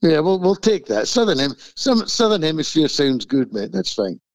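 A man with a croaky frog voice from the flu, talking in an easygoing, informal way as an interview guest. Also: a little high, sing-song, normal speed, dry recording. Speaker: race track owner, interview guest. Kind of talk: casual interview. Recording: muffled, dull lo-fi sound.

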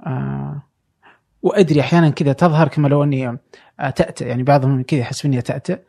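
A man hosts a casual interview, speaking quickly in a gravelly, husky voice. He pauses often to hunt for the right word. His tone is dark and mellow. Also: mid-range voice, fairly even intonation, no echo, studio quality. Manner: halting, pauses to search for words. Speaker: podcast host.

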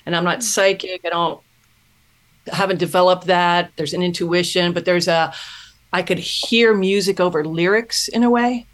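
A middle-aged woman, a podcast guest, telling her story in an earnest, thoughtful way, often pausing and restarting a thought. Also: on the low side, steady tone. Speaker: podcast guest, self-mastery mentor. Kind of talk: reflective personal storytelling.

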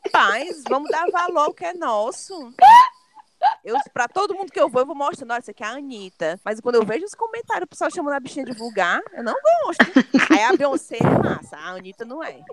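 A woman's voice: high-pitched, fast. A woman, chatting on a podcast and telling stories with emphasis, acting out the dialogue. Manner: animated, emphatic storyteller who acts out dialogue. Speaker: podcast panelist. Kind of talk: casual chat.

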